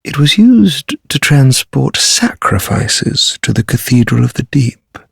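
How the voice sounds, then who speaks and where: A man with a British accent playing a cynical, fatalistic undead deserter in a dark fantasy game, his voice husky and his delivery dry, drawling and sardonic. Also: mid-range voice, big pitch swings, unhurried, dry recording, exaggerated voice. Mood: wry, weary. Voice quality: gravelly, husky.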